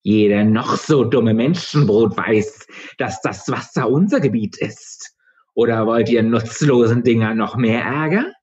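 Slow hissing water monster, sinister, toothy, storybook reading by a man, dull lo-fi sound. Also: medium pitch, darkish tone, close to an everyday voice. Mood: menacing. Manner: slow, drawn-out hissing threats. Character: hissing, menacing female water monster with sharp teeth.

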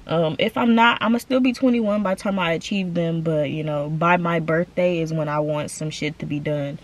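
A young woman in her 20s vlogs from the driver's seat of a parked car, speaking straight into her phone camera in a low voice at normal speed. She's chatty and slangy, calling her viewers "y'all" and constantly circling back to them. The feel is close and unpolished, a casual car vlog.

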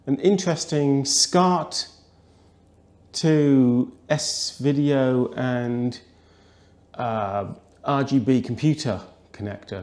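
A man's voice: mid-range voice, a little mellow. A man, chatting politely and thinking aloud as he works on equipment at home. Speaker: video channel host. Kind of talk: casual hands-on vlog chat. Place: indoor home rooms.

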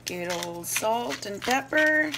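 A woman's voice: a little high, animated, slow, background noise. A woman in her thirties chatting casually through a home cooking demo in her kitchen, rambling and correcting herself as she goes, recorded on a phone camera. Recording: clear kitchen clatter of dishes and pans.

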